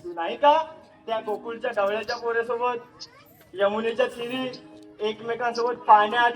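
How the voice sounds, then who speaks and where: A man's voice: very high voice, steady tone, normal speed, fairly bright tone. A man playing a gossipy young village milkmaid in a folk stage comedy, teasing the others as she talks. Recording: distant stage mic with music.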